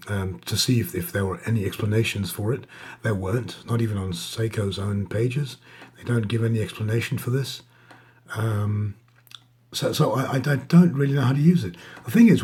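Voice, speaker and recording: A man giving a casual, hesitant watch show-and-tell, his voice husky, thick and strained from a sore, swollen throat. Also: on the low side, darkish tone. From Denmark. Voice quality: husky, raspy. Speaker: watch reviewer.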